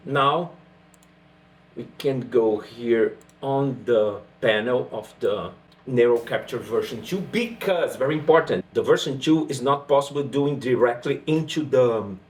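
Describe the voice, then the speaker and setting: Demoing his gear, a Brazilian-accented man who grew up speaking Portuguese chats easily about his guitar setup, often using fillers and starting over. His voice is mid-range and unhurried.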